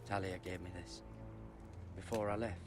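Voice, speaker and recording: A man's voice: low voice, steady tone, normal speed, over music, natural voice. An actor playing an earnest young man sworn to a frontier guard in a video game, wry and wondering.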